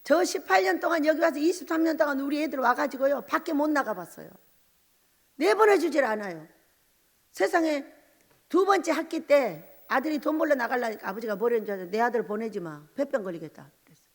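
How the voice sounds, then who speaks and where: A woman's voice: high-pitched, animated, brisk. A middle-aged woman pastor giving an emphatic sermon full of rhetorical questions, in a mountain church. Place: church sanctuary at a mountain prayer retreat. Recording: long hall reverb.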